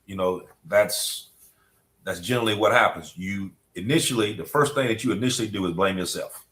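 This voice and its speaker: Middle-aged man, very low voice, podcast host, reflective, repeats himself. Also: brisk, fairly bright tone, slight background noise. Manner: reflective, repeats himself, frequent "you know what I mean". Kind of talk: podcast conversation.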